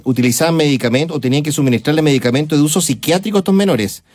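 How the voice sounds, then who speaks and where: A man's voice: fairly high pitch, very fast, a little mellow. A man interviewing a guest on the radio, probing and restating the guest's answers.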